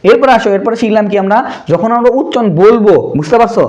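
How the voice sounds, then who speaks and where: A man's voice: high voice, darkish tone, highs cut off. A young man teaching a primary school math lesson, asking the pupils questions and answering them himself in a casual, brotherly way. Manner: slows to spell out numbers.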